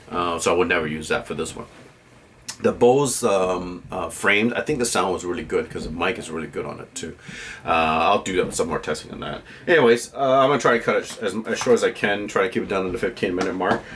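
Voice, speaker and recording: A man's voice: low-pitched, brisk, fairly bright tone, a little hiss or hum. A man vlogging a casual, unscripted gear review in a rambling, opinionated way, often checking in with the listener.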